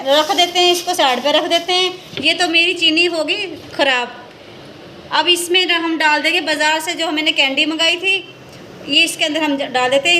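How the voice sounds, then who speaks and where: A woman's voice: extremely high pitch, bright, forceful tone, a little hiss or hum. A woman, chatting casually as she demonstrates a recipe in her home kitchen, walking through each step and pointing things out as she goes. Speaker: home cooking vlogger.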